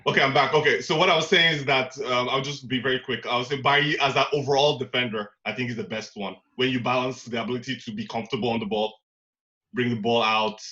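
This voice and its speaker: A man talking over a muffled, lo-fi video call line, his voice crisp and bright. He pushes his point in a casual debate, halting and repeating words as he gets going. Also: medium pitch, fairly even intonation. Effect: lo-fi video call audio. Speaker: football fan panelist. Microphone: computer or phone mic on a video call.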